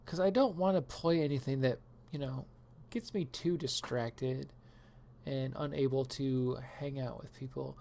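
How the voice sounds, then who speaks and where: A woman's voice: a bass voice, measured pace, gravelly, warm tone, slight background noise. A woman live streamer chatting casually while gaming, rambling and self-deprecating and laughing often.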